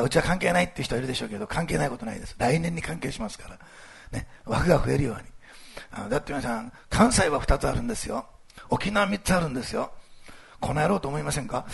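This is a male pastor with a strongly gravelly, husky voice. He preaches in a lively, animated way, full of fillers, and talks quickly. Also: a little high. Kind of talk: sermon with church announcements.

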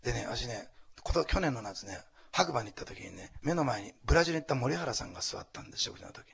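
A man pastor preaching a sermon to a congregation and leading a prayer, animated and dropping to whispers for emphasis. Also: mid-range voice, fast, creaky, breathy edge. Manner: animated, acts out quotes, drops to whispers. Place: church hall before a congregation.

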